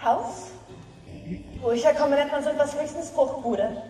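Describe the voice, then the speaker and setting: A woman's voice: sits high, moderate pace, dark tone, lightly acted. A woman playing a spoiled, snobbish city woman with a whiny, complaining manner. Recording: echoey hall from far off, guitar music.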